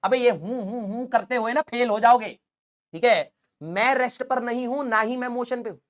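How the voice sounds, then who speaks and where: A man teaching physics in a joking, teasing manner, with playful scolding and sudden shifts between loud and soft. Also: very high voice, normal speed. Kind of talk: comic classroom lecture.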